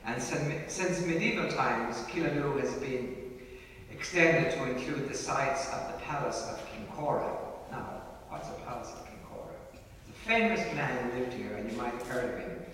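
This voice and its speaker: A man's voice: mid-range voice, lively intonation, moderate pace, a bit bright. An older man from County Clare with a west of Ireland accent, giving an informal local history talk with chatty asides to his listeners. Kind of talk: informal local history talk to an audience, with some recited verse. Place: large reverberant indoor space. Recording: echoey hall, distant mic, faint noise.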